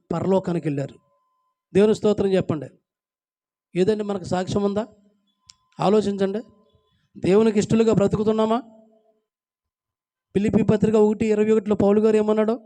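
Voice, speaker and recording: Man, pastor, Telugu accent, sermon, very high voice, dark gravelly tone, repeated rhetorical questions. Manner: repetitive rhetorical questioning, pleading.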